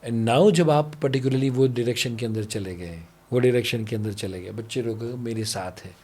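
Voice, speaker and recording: This Indian parenting coach speaks at a normal speed in a mid-range voice that is darkish in tone with a breathy edge. In a podcast conversation blending Hindi and English, he acts out exchanges between a parent and a child.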